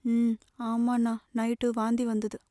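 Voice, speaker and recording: A woman reading the part of a young college girl, a tearful younger sister speaking softly and plaintively. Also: a little high, monotone, slow, no echo, studio quality. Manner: soft, plaintive.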